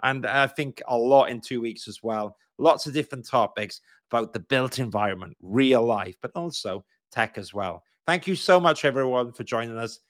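A man's voice: medium pitch, fairly bright tone, dry recording. Man, Welsh accent, host, upbeat, casual live-stream chat, dry sound. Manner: upbeat, spells out web addresses slowly.

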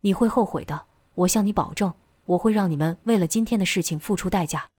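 A woman's voice: medium pitch, fast, dark tone, husky, dry recording, studio quality, lightly acted. A woman voicing a proud, unyielding military general man in a storybook reading, speaking defiantly.

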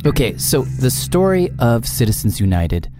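An American man narrates a documentary podcast in a mid-range voice. He sounds conversational and informal, like a storyteller, with clear music running behind him. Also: medium pitch, big pitch swings, normal speed.

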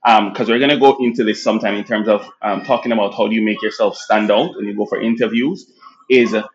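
A man with a Jamaican accent, born in Nigeria, talking as a guest physician in a casual interview, animated and laughing often, restarting phrases as he goes. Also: on the low side, fast talker, dull audio. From born in Nigeria, raised in Jamaica.

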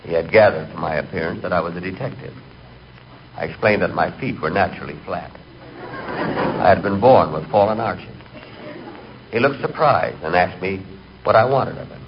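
A low-voiced actor in a 1940s radio comedy speaks at a moderate pace with long pauses. His character is a sad, hapless fellow relating his humiliations firsthand, rueful and rattled, and the recording is muffled and noisy.

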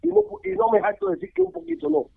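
An older man, once a ballplayer and now a baseball analyst, spins rambling, animated stories full of restarts. His voice sits high and swoops about with a gravelly edge. It comes through a thin, tinny phone line with no room around it. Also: racing, dry recording. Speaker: baseball analyst, former player. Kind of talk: casual interview over the phone.

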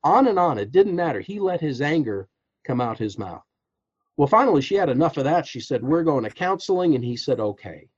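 A man telling a story on a podcast as a guest coach, acting out the quotes with lively laughs. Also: on the high side, brisk, slightly rough, dull audio. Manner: animated storyteller, acts out quotes, frequent laughs.

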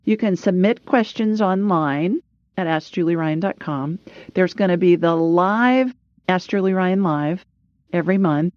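A woman's voice: lowish voice, unhurried, a little mellow, no room sound. A woman hosting a call-in show in a casual, chatty way, recorded with slightly dull sound. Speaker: host of a psychic call-in show.

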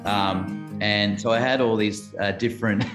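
Reflective Australian man, lowish voice. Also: fairly even intonation, measured pace, over music. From Adelaide, South Australia. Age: late 30s. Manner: reflective, rambling, with many restarts. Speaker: musician guest. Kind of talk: casual interview chat.

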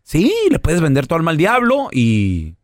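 A man, co-hosting a comedy podcast. He spins a funny story in an animated, teasing way. His voice sits a bit high and jumps around a lot. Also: measured pace, no echo, studio quality. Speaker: podcast co-host. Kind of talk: comic storytelling.

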